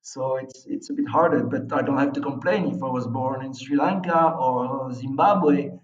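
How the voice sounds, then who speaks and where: This interview guest is an expedition adventurer from Belgium; English is not his first language, and his Belgian accent comes through as he recounts his own experiences with conversational emphasis. He speaks at normal speed in a medium pitch. The audio sounds distant, roomy and dull.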